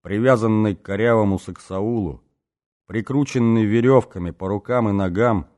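A man narrating a literary audiobook in a measured, serious way. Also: lowish voice, darkish tone. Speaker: audiobook reader.

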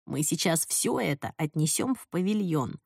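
A woman voicing a calm, easygoing young man with a dry, unhurried manner. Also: low-pitched, vocal fry, slightly rough, no room sound, voice pushed down, full character voice.

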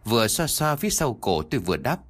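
A man narrating a first-person ghost story in an animated, dramatic way. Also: mid-range voice, fast.

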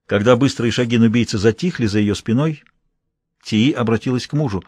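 Husky male audiobook narrator. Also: medium pitch, fairly quick, a little mellow, dry recording, clean studio sound.

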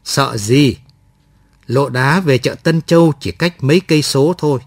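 Audiobook figure: a gruff, quick-tempered soldier, read by a man, scolding, dry close sound. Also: medium pitch, no room sound. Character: rough, hot-tempered male guerrilla soldier.

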